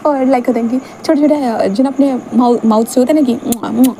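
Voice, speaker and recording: Woman, casual fan-fiction narration, rapid pace, somewhat high voice, mixes in english words. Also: warm tone, a little hiss or hum, low-quality recording. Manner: chatty, mixes English words, acts out dialogue lightly.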